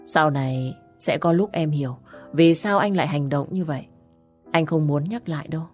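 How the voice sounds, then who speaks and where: A woman reading the part of a protective young husband who speaks gently and reassuringly in an audiobook. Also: low-pitched, moderate pace, faint music behind, natural voice. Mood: tender.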